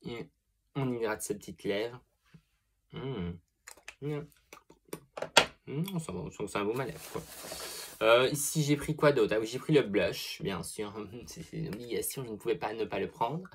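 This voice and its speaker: A man's voice: mid-range voice, normal speed, long pauses, noisy background. Young guy doing a chatty makeup review vlog, gushes and swears a lot. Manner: chatty and expressive, swears freely, gushes over products. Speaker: beauty vlogger. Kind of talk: casual makeup product review.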